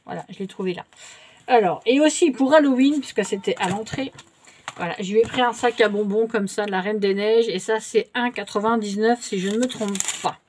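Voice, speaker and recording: A woman's voice: medium pitch, brisk, a little mellow, slight background noise. A French-speaking woman chatting casually to her viewers while showing a shopping haul, with many fillers and little hesitations. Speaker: haul vlogger. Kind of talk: casual show-and-tell haul.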